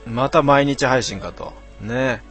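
A slightly drunk man in his twenties chats loosely on a live stream, reading viewer comments aloud with rough, slangy jokes at his own expense. His mid-range voice is fairly bright and slow, with soft music playing behind him.

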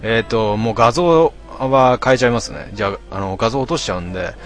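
A man hosting a casual late-night stream, reading out listener comments with grumbling asides and frequent throat clearing. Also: medium pitch, a little fast, soft background music. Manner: grumbling, talks to himself, mock-annoyed asides.

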